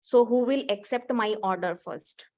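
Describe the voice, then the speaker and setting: A woman's voice: fairly high pitch, normal speed, darkish tone. A woman with an Indian accent asking questions informally as a participant in a discussion.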